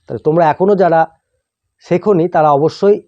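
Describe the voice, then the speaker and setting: A man teaching a phonics lesson. He spells out each letter pair and then sounds out the blend, one slow step at a time. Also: on the high side. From Bangladesh or West Bengal. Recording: dull lo-fi audio.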